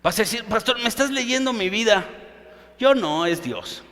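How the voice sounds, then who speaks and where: Male pastor, fervent preacher, sharp bright tone, echoing through a church hall. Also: high-pitched, expressive, moderate pace. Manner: emphatic preaching, questions the listener directly. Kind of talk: sermon.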